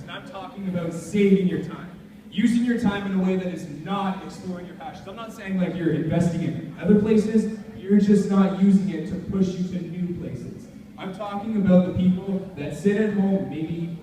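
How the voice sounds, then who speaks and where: At a student leadership conference, a young man with a high voice gives an emphatic, informal motivational talk to a live audience. The recording is heavily echoey and distant, as in a large indoor conference hall, and the background is noisy.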